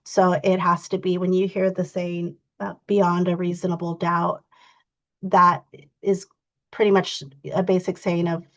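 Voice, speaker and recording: A woman's voice: fairly low pitch, little pitch movement, unhurried. A woman teaching an online training session in an informal, explaining way, her voice stuffy and congested, heard over a video call. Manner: informal, explanatory, frequent "you know" fillers. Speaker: victim advocacy trainer. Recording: dull lo-fi video call audio.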